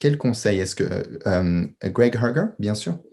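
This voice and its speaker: A man with a fairly low, dark and mellow voice moderates a panel. He circles around his questions, dotting them with small tag words. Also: lively intonation, slow, creaky. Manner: circling phrasing with a frequent "hein" tag.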